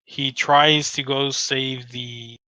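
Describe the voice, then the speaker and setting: A man's voice: mid-range voice, level tone, takes it slowly, sharp tone, dry recording. A man co-hosting a casual fan podcast, talking in a rambling way with many restarts and frequent swearing. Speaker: podcast co-host. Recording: dull dry lo-fi sound.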